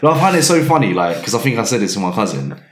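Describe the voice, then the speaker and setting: A man's voice: lowish voice, sing-song, racing. A man co-hosting a podcast, telling rambling stories full of fillers. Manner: rambling, filler-heavy storytelling. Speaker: podcast co-host. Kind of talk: casual chat. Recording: echoey room.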